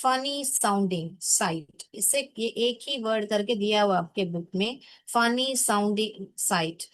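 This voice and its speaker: A woman teacher walks her pupils through a poem in an online class, speaking slowly and patiently. Her voice is dry and close, with the plain sound of a video call. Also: medium pitch, no echo. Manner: patient, mixes Hindi and English, calls pupils "beta". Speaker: English teacher.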